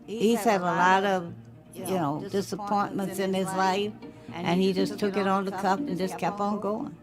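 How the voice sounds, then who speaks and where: A woman coach talks softly and encouragingly, in a motherly way, over faint background music. Her tone is heartfelt and reassuring. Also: medium pitch, fairly even intonation, moderate pace. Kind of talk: heartfelt interview talk.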